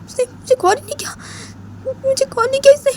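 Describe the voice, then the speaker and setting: A woman voicing an upset young woman lover who scolds her girlfriend in a shrill, raised voice with repeated questions. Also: lively intonation, normal speed, a little mellow, a little hiss or hum. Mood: upset, scolding.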